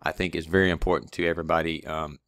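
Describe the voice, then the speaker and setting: Low, flat-voiced man touring his course. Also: rapid-fire, dry recording, clean studio sound. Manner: casual, rambling, many fillers and restarts. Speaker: online PLC course instructor. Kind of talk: screen-recorded course walkthrough.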